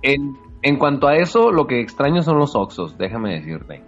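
Man, Mexican accent, casual podcast chat, relaxed, restarts a lot, dull lo-fi audio. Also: mid-range voice, moderate pace, faint music behind. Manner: relaxed, explains with many restarts and fillers.

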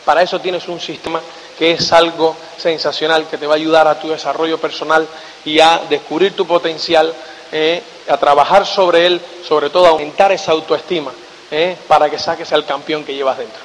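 A man giving a motivational talk to an audience, animated, often checking whether listeners follow him. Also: on the high side, normal speed, a little hiss or hum. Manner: animated, keeps asking "do you get it?" tag questions. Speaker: motivational speaker. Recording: echoey hall reverb.

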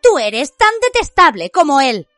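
A woman voicing a fiery, defiant young witch who answers with sharp, indignant retorts. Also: sits high, sing-song, unhurried, no room sound, faint music behind, voice pushed up, heavily acted. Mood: cold.

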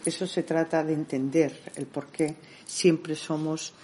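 A middle-aged woman, an interview guest, telling stories in a lively way and acting out what people said. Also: sits low, measured pace, a little hiss or hum. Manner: animated storyteller who acts out dialogue. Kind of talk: conversational interview.

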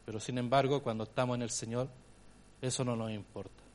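A man with a Chilean accent preaching a sermon as pastor, swinging between loud emphatic phrases and hushed ones. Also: medium pitch, steady tone, a little fast.

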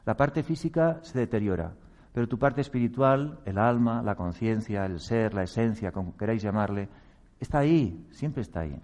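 A man's voice: fairly low pitch, lively intonation, moderate pace, darkish tone. A man from giving a reflective talk on meditation, speaking earnestly, chuckling at himself and acting out quoted voices.

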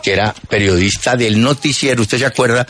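An older Colombian man, a longtime radio sports host, telling anecdotes in a relaxed chat and acting out the voices he quotes. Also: brisk. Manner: storytelling, acts out quoted voices with pitch jumps.

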